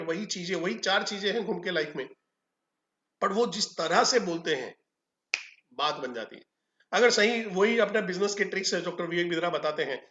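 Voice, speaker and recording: A man giving an energetic training talk on tele-calling, animated and full of quick acted examples. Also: sits high. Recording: echoey room, dull lo-fi sound.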